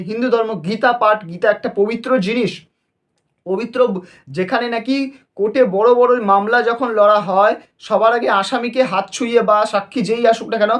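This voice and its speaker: A man hosting a commentary channel, reacting indignantly and asking one rhetorical question after another. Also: very high-pitched. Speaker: channel host. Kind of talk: news commentary video.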